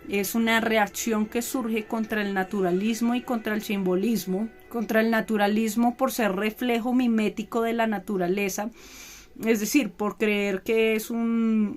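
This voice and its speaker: Woman teacher lecturing, fairly high voice. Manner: explanatory, checks in with frequent "¿sí?". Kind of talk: classroom lecture.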